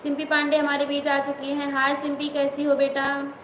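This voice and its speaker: High-voiced Awadhi folk singer chatting live. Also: female voice, monotone, moderate pace, fairly bright tone, slight background noise. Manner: reads out viewer comments and greets them by name between songs. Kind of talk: live stream chat with singing. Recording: echoey room with music behind.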